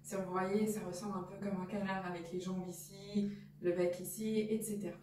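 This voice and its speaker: A woman teaching how to read letters, patient and repeating sounds slowly with examples. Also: medium pitch, level tone, mellow, roomy sound, far from the mic, slight background noise. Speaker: Arabic reading teacher. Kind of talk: explaining lesson.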